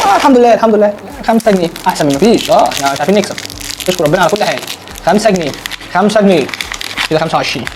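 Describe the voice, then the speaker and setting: An excitable man with an Egyptian Arabic accent rattles through a snack unboxing challenge at a fast clip. He repeats words in quick bursts. Wrappers crinkle and click clearly behind him. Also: a little high, noisy background. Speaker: food challenge vlogger. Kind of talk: casual unboxing challenge chat.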